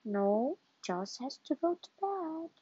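A woman voicing a calm, patient father pig in a storybook reading, in a plain, patient manner, on a dull lo-fi recording. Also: high voice, slow, no echo, exaggerated voice.

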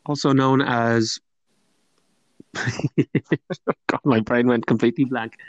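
Slow-talking Kiwi man in a roomy space. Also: mid-range voice, fairly even intonation. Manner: jokey, acts out little quotes. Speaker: podcast co-host. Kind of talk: casual banter. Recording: roomy, slightly muffled sound.

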